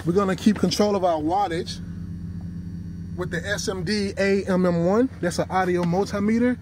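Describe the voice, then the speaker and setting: A car audio reviewer with a high-pitched voice runs a hands-on product test, explaining what he's doing step by step and addressing viewers as "you guys." He speaks at a moderate pace with fairly even intonation, over clear vehicle ambience.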